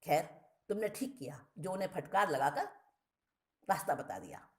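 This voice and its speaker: A woman voicing a caring, firm young wife who is a doctor, scolding gently. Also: on the low side, big pitch swings, moderate pace.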